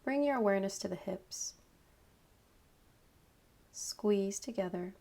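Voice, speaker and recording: This is a woman guiding a yoga nidra meditation, her mid-range voice gravelly. She gives short, calm instructions without hurry, pausing between phrases.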